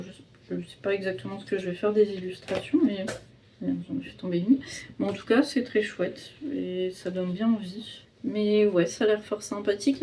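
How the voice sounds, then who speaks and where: Woman book vlogger, casual and hesitant, warm low-key tone, slightly distant mic. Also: slight background noise. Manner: hesitant, many fillers and restarts. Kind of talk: casual reading vlog.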